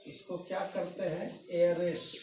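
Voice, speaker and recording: A man's voice: high-pitched, unhurried, darkish tone, soft background music. A man teaching an English grammar lesson at a board, explaining patiently and repeating himself with rhetorical questions to his students. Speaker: English tutor. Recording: roomy echo, voice from a distance.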